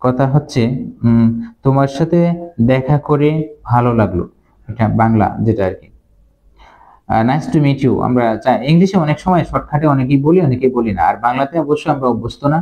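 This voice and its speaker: A man teaching Chinese phrases in Bengali, repeating each one slowly word by word. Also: mid-range voice, dark tone, rough recording. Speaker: language teacher. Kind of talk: Chinese lesson explained in Bengali.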